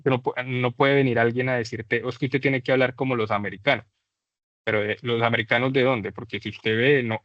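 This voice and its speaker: A man's voice: mid-range voice, a bit bright, dry recording. A man teaching an English class, explaining patiently and exaggerating vowel sounds to demonstrate them. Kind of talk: class lecture. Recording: dull lo-fi dry recording.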